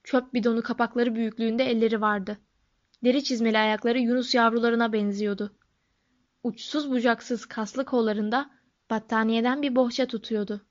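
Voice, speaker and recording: A woman narrating an audiobook in a steady, expressive reading voice. Her pitch is fairly high, and the recording sounds dull and lo-fi. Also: normal speed.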